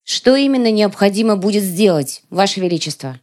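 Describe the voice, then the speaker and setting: Young elf warrior girls, voiced by a man, higher voice, respectful and nervous, audiobook. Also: animated, brisk, darkish tone. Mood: respectful uneasy. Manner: respectful, anxious questioning. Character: young dark elf warrior women, dutiful and wary.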